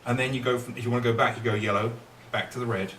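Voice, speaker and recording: A man's voice: medium pitch, fairly even intonation, very fast, a bit bright. A middle-aged man performing as a kids' party magician, with playful patter that coaxes the young audience along with questions. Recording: roomy, distant mic, faint noise.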